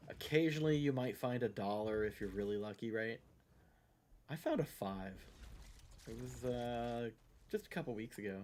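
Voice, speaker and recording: A man's voice: medium pitch, animated, normal speed, a little mellow. A middle-aged man livestreaming a game, rambling through a casual story and often asking "right?" and "you know?" into a headset mic. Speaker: gaming livestreamer. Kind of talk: casual storytelling while playing a game live.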